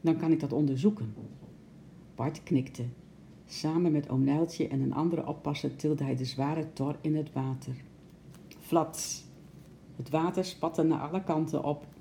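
A woman narrating a children's story aloud in a gentle, expressive way. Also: low voice, a little slow, vocal fry, a little hiss or hum.

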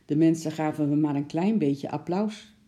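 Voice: medium pitch, moderate pace, warm tone, close to an everyday voice. A reader doing a sad, kindly circus clown. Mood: earnest.

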